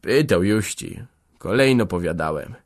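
A man reading aloud who voices a weary old man, speaking gently, soothingly and a little evasively. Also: deep voice, expressive, a little slow. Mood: reassuring.

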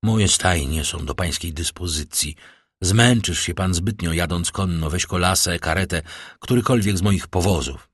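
A man voicing a calm, commanding wealthy count who speaks in a measured, composed way. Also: low voice, husky, no room sound, clean studio sound, pitched below the performer's own voice.

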